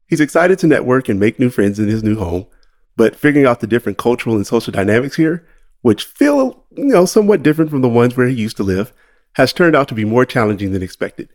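A man's voice: medium pitch, very animated, fast, darkish tone. A man from Los Angeles, a psychotherapist, hosting a podcast with an upbeat, polished scripted intro.

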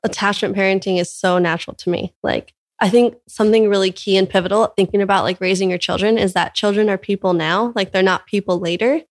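Fast-talking earnest young woman. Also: mid-range voice, steady tone. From California. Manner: earnest, filler-heavy with frequent "like". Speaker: guest, mother of young children. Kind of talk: casual conversation.

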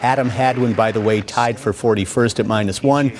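A man working as a sports anchor, narrating highlights like a golf commentator in short, punchy, present-tense phrases. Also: brisk, a little hiss or hum.

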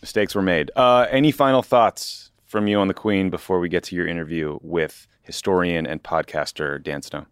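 A man's voice: sits low, fairly even intonation, normal speed, hardly any pauses, clean tone, dry recording, studio quality. A man hosting a podcast, talking casually and introducing segments and plugs. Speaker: podcast host.

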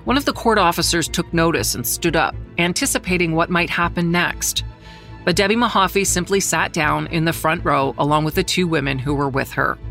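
A middle-aged journalist narrating a true-crime story in a measured, somber way, slowing down on the grave details. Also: medium pitch, vocal fry, a bit bright, soft background music. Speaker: journalist who covered the trial, narrating.

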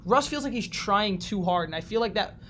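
A man co-hosting a sports podcast gives his picks in a casual, opinionated chat, quick to pick sides. His voice is high, expressive, and fairly bright, with slight background noise.

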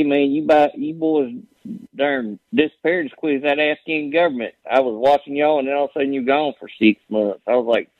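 A man's voice: medium pitch, darkish tone, no echo. A man with a Southern Appalachian accent chatting casually as a phone-in caller in a folksy, drawling, storytelling way. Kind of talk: casual chat. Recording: dull, band-limited phone call.

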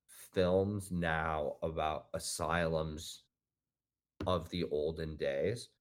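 A man with a notably low, deep voice speaks as a podcast guest. He talks with passion in a casual, conversational way. He leans heavily on "like" as a filler word. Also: steady tone, extremely slow. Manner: impassioned, heavy use of "like" fillers.

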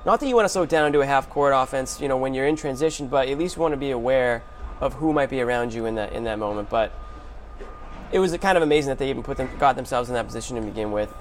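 This man speaks quickly at medium pitch, hosting a sports show with casual, slang-filled basketball talk. The recording has clear background noise and a hum.

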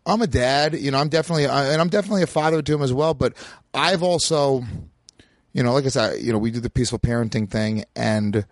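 Comedian guest, male, 30s, rapid blunt talker, dry mic sound. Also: mid-range voice, dry recording. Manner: quick, blunt and opinionated. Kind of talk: casual chat.

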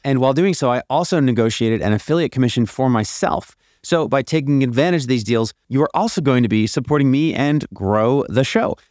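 A man's voice: mid-range voice, expressive, fairly quick, hardly any pauses, darkish tone, no echo. Man podcasting from an attic, dry sound. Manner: emphatic, promotional. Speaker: podcast host. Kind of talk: scripted podcast monologue promoting deals. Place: attic of a house. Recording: dry, produced podcast audio recorded in an attic.

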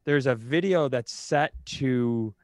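Slow, slightly mellow, and medium-pitched, this male podcast co-host chats comedically and tells stories in a rambling way, cutting himself off with dry, self-mocking jokes. The recording is dry.

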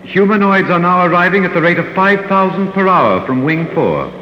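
An actor playing a formal, smoothly insistent humanoid robot salesman in an old radio science fiction drama. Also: sits high, animated, moderate pace. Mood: polite insistence. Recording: echoey hall, dull noisy old radio.

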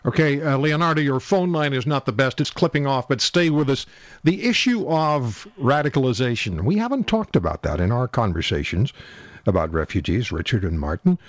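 A man hosting a call-in radio show, moderating briskly between callers and guests. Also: mid-range voice, sing-song, no echo. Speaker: radio talk show host.

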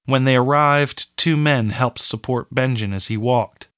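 Slow, measured male narrator. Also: medium pitch, a bit bright, clear, resonant tone, no room sound, clean studio sound. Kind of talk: scripted fantasy audiobook narration.

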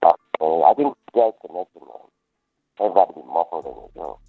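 Low-voiced guy calling in, sounds muffled like through a wall, muddy phone line, dry. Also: animated, fairly quick, vocal fry, slightly rough, no echo. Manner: laid-back, slangy, hesitant with fillers. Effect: muffled, as if heard through a wall. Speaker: caller. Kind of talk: casual call-in chat about boxing picks.

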